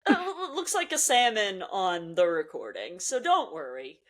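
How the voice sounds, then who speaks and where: A woman co-hosting a podcast in casual chat, excitable and quick to laugh. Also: mid-range voice. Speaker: podcast co-host.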